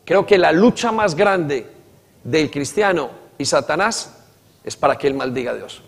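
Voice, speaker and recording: A man's voice: fairly high pitch, lively intonation, unhurried, vocal fry. A man preaching a sermon, asking the congregation to repeat after him and acting out quoted dialogue with emphasis. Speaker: pastor. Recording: reverberant hall.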